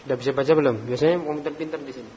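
A man teaches a classroom Arabic lesson at an even, patient pace, calling on students in turn and dropping in Arabic phrases. His voice rings with long reverb in a hall. The recording sounds dull and faintly noisy. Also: medium pitch, rapid-fire.

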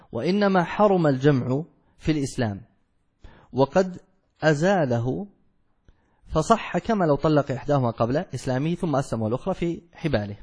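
Male sheikh, husky voice, measured lesson delivery, poses questions then answers them. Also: on the high side, darkish tone. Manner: explains step by step, asks and answers his own questions. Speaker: sheikh teaching a fiqh text. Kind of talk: classical Arabic study lesson.

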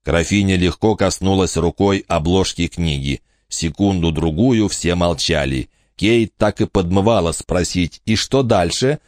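Deep-voiced male audiobook narrator. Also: darkish tone, no echo, clean studio sound. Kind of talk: scripted narration.

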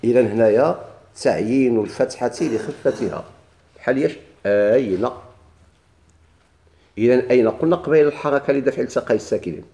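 A man's voice: medium pitch, a little fast, pauses often, mellow. A man with a Moroccan accent teaching a grammar lesson, putting questions to his students and answering them himself, repeating each key point.

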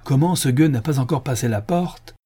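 Give me a man doing a theatrical, mocking official, loud and swaggering. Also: medium pitch, expressive, normal speed, breathy edge, voice pushed up. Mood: scornful. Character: pompous, mocking official, quick-tempered man.

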